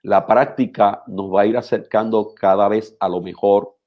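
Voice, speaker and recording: A man, a pastor teaching preachers in a measured, instructive radio talk who repeats phrases for emphasis. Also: lowish voice, fairly even intonation, phone-quality sound.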